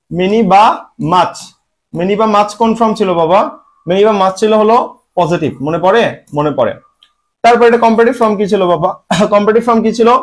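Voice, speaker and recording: A man teaching English grammar for an admission exam in Bengali-style speech, teasing his students and asking and answering his own questions. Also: high voice. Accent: Bangladeshi Bengali. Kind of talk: online admission-exam lesson.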